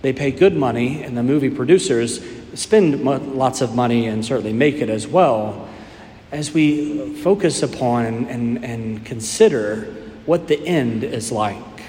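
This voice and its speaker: A man serving as priest, reading scripture, giving parish announcements and preaching in a measured, unhurried way with some "uh" fillers, in a large church with a cathedral-like echo. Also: medium pitch, warm tone. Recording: echoey church with long reverb, faint room hum.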